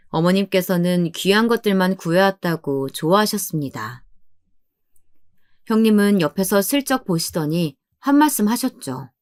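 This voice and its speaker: Calm young woman narrating a story. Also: lowish voice, no room sound, clean studio sound. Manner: polite, calm, even narrating. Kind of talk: scripted first-person story narration.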